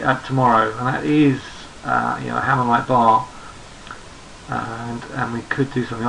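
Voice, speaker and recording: Hoarse and clearly losing his voice, this male trading analyst narrates a screen-recorded walkthrough of market charts. His gravelly, medium-pitched delivery is relaxed, and he thinks out loud, circling back over the same points. Sound quality is poor, with a little hiss or hum.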